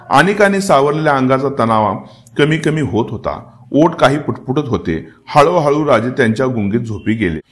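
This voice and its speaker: Man, narrator, solemn measured reading, historical novel read aloud, mid-pitched voice.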